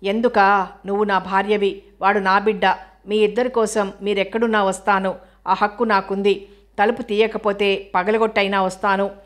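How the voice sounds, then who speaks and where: An insistent young husband presses his claim through a closed door, read by a woman narrator. The words come a little louder than the narration, yet stay flat in melody at a middling pitch. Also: moderate pace, close to an everyday voice. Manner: insistent, forceful.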